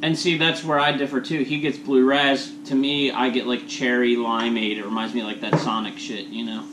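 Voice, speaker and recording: A man's voice: mid-range voice, flat delivery, moderate pace, noisy background. A man in his thirties chatting casually as a review co-host, opinionated and free with swearing. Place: small indoor lounge, on a couch. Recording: roomy echo, music behind.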